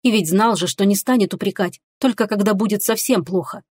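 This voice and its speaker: A woman narrating an audiobook in an expressive storytelling manner. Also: medium pitch, a little fast, husky, dry recording, studio quality.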